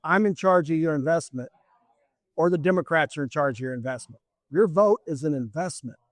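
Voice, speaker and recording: A man campaigning for office speaks in an interview with an emphatic, lecturing drive, circling back to repeat his points. His voice sits a bit high, and the recording is dry and close. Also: fairly quick, no echo. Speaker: political candidate.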